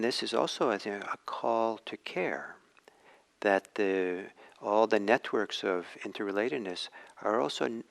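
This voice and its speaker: Reflective man, low voice. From Norway. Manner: reflective, unhurried, with many pauses and restarts. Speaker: meditation teacher. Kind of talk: dharma talk.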